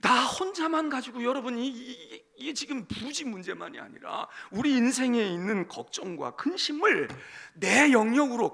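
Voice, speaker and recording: A man, a senior pastor, preaching a sermon, animated, acting out dialogues and putting questions to the congregation. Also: very high-pitched, creaky.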